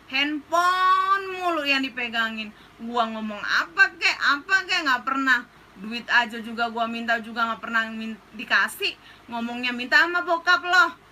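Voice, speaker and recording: A woman's voice: sits high, pushed and bright, exaggerated voice. A woman voicing a bratty teenage girl who talks in slang and whines about her parents. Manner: slangy, whiny, wheedling.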